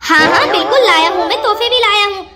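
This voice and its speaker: A high-voiced performer doing a cheerful cartoon husband. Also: quick pace, background noise. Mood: playful. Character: teasing young Indian wife, Babita's cheerful husband. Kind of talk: cartoon voice acting.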